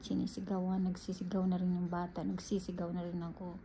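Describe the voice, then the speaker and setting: A woman's voice: on the low side, a little fast. A woman from the Philippines casually telling viewers about her life, talking to them as guys. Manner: animated, addresses viewers as guys. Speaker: vlogger. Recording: dull lo-fi audio with faint ambient noise.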